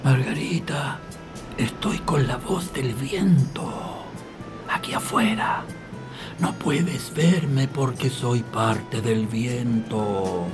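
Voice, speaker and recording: An actor playing a gentle old grandfather who is part of the wind, calling slowly and mysteriously in a breathy, windy whisper in an audio drama. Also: mid-range voice, over music. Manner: slow, drawn-out, mysterious calling.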